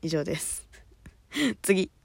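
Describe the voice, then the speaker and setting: A woman hosting a solo talk show, chatting casually, laughing often and dropping to soft murmurs. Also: fairly low pitch, expressive, slow, vocal fry, slightly rough, no room sound. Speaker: podcast host. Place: at home at night.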